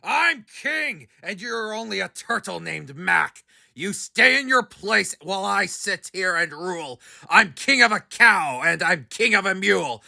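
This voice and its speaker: A man voicing a pompous, boastful male turtle king who shouts and bellows. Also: high-pitched, animated, unhurried, gravelly, dry recording, studio quality, pitched above the performer's own voice, heavily acted. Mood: imperious. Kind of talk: storybook reading.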